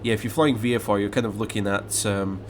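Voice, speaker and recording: A Scottish flight sim streamer, young and with a touch of English in his accent, talks fast in a lowish voice with fairly even intonation. There's a little hiss or hum as he casually reads viewer questions and rambles, restarting often and using many fillers.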